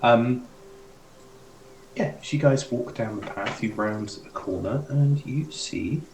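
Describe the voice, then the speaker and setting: A man's voice: mid-range voice, slow pace, roomy sound, background noise. Rambling man running a tabletop game. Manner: rambling, lots of ums and likes. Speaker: dungeon master.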